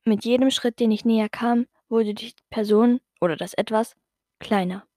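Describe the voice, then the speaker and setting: A woman narrating a children's story in the first person with gentle, slow storytelling. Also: fairly high pitch, no echo, clean studio sound.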